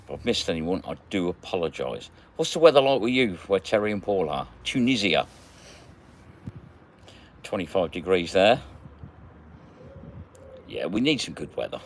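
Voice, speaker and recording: A man's voice: low-pitched, very animated, moderate pace, pauses often. A man hosting a casual livestream, chatting and greeting viewers by name as he reads their comments. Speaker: magnet fishing livestream host.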